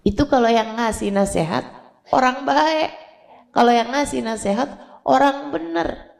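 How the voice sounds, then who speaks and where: A woman preacher delivering a sermon in a colloquial, animated way and acting out examples. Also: high-pitched, measured pace, creaky.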